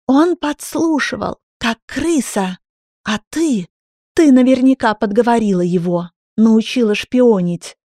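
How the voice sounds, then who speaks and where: A woman's voice: expressive, measured pace, warm tone, no room sound, studio quality. A woman voicing an unhinged, furious pregnant young woman who screams and mocks in an audiobook. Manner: shrill, screaming, mocking.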